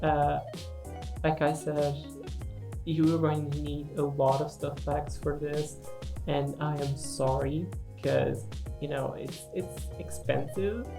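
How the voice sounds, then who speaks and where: A woman's voice: low-pitched, fairly even intonation, slow pace, gravelly, music in the background. A woman who speaks English as a second language, giving a casual, unscripted voice-over for a gaming video in a hesitant, self-deprecating way. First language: not English.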